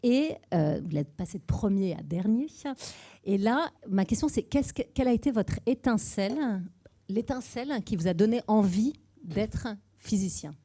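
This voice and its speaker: A woman's voice: medium pitch, expressive, normal speed, mellow. A woman interviewer putting prepared questions to a guest, hesitantly, phrase by phrase.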